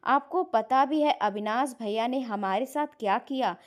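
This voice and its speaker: Woman voicing upset young sister crying and blaming her brother, highish voice. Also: a little slow, close to an everyday voice. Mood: tearful accusing. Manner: tearful, accusing. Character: upset young married daughter, crying and accusing.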